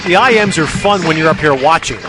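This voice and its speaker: A man's voice: fairly high pitch, lively intonation, a little fast. A man giving conversational sports commentary for a broadcast. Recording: very noisy outdoor venue broadcast.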